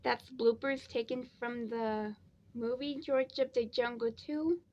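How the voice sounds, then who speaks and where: Sleepy woman, high voice, rambling home review, dull lo-fi sound. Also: fairly even intonation, slow pace, a little mellow. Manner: rambling, repeats herself. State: tired, sleepy. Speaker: DVD reviewer. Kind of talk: casual review vlog.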